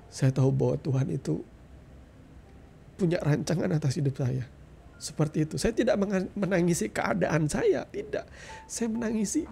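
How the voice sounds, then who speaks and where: Earnest gravelly man preaching a testimony. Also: mid-range voice, dark tone. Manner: earnest, addresses listeners as "saudara". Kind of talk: testimony sermon.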